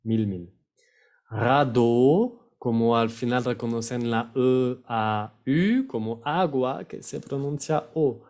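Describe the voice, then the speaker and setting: A man teaching French pronunciation, repeating words slowly and sometimes searching for the right word. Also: mid-range voice, darkish tone. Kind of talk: pronunciation lesson.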